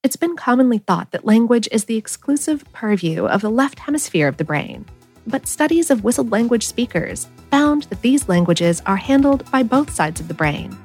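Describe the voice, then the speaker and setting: A woman's voice: on the high side, sing-song, normal speed, a little mellow, breathy edge, faint music behind. A woman podcast host reading a scripted explanatory narration.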